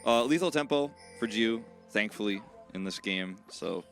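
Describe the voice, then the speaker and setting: A man's voice: fairly low pitch, lively intonation, normal speed, fairly bright tone. A talkative man in his thirties calls an esports match in a casual, joking way. His voice rises and falls a lot as he banters. Music plays in the background behind him. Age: 30s. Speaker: esports caster.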